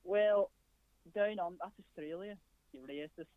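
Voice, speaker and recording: A man's voice: high voice, moderate pace, smooth, dry recording, close to an everyday voice. Casting: man as a lewd prank caller, sly and suggestive, dry muffled sound. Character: lewd cheeky caller with a put-on accent.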